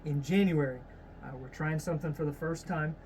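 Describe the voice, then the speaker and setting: A man's voice: fairly high pitch, brisk, slight background noise, poor audio. Man in his thirties explaining church plans. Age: 30s. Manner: steady, explanatory, with frequent "uh" fillers. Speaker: youth minister. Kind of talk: casual interview talk.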